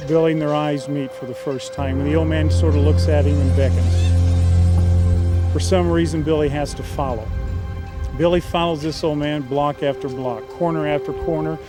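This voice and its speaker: A man with a fairly high voice walks through a film story in a loose, casual way. He restarts phrases as he tells it. Music plays clearly behind him. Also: steady tone, normal speed. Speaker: screenwriter.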